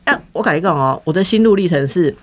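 A woman's voice: fairly low pitch, fast. Candid woman telling a story. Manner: candid, animated storytelling with acted-out quotes. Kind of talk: casual chat, personal storytelling.

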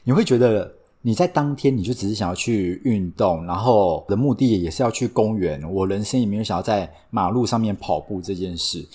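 Low husky taiwanese mandarin guy, chill podcast chat, says things plainly. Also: fairly quick, few pauses, warm tone. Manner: easygoing, recounting plainly with small agreeing words. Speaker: podcast co-host. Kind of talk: casual chat.

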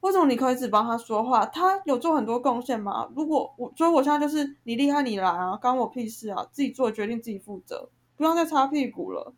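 A woman's voice: high voice, quick pace, few pauses. A young woman, co-hosting a casual chat and ranting heatedly about a group conflict. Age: young adult. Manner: heated, ranting, animated storytelling. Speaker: podcast co-host.

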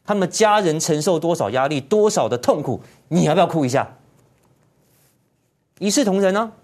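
Indignant commentary host, lively swooping pitch, rhetorical repeated questions. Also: normal speed. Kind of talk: heated political commentary.

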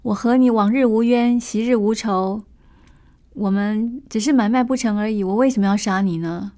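A woman storyteller voicing a proud male swordsman who reasons calmly before losing patience. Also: a little high, close to an everyday voice. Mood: restrained. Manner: measured, reasoning. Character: proud male swordsman, restrained then angry.

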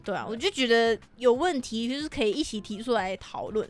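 A young woman chats on a casual podcast. She talks very quickly in a fairly high voice, and her storytelling is animated and peppered with casual swearing. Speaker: podcast co-host.

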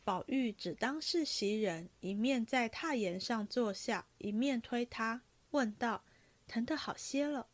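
A woman reading a classic novel aloud in steady, brisk narration. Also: a little high, dry recording. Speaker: reader of classic literature.

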